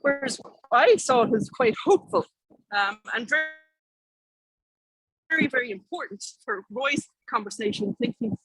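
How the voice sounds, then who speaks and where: A woman's voice: on the high side, animated, normal speed, a bit bright, breathy edge, dry recording, poor audio. A woman with an Irish accent giving an informal, conversational keynote talk, often hesitating and rephrasing herself as she goes. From Ireland. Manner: hesitant, self-correcting, rambling delivery. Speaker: keynote speaker, artist and activist.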